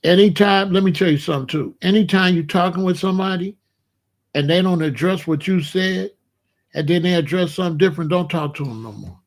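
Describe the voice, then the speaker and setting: High-pitched and fairly quick, a live-stream commentary host talks unscripted to his chat in a rant. Bluntly and repetitively, he gets confrontational and calls out a chatter.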